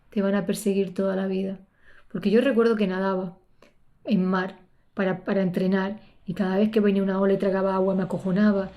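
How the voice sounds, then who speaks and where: Expressive Spanish-accented woman coach. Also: medium pitch. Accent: Spain Spanish. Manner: expressive, repeats words for emphasis. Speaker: spiritual guide and coach. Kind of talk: motivational storytelling.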